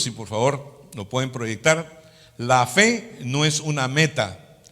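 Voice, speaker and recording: A man with a Latin American Spanish accent preaches a sermon as a pastor, teaching in a didactic way. His medium-pitched voice is a bit bright, and he often asks short tag questions to check for agreement. Long hall reverb surrounds the recording.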